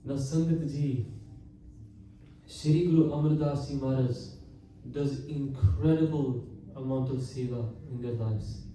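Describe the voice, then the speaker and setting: A Sikh preacher from Canada gives katha, an earnest sermon in which he often calls out to the congregation and slows down to stress key words. His medium-pitched voice is dark and mellow with a steady tone. It echoes heavily through a large hall, picked up from afar over a faint hiss.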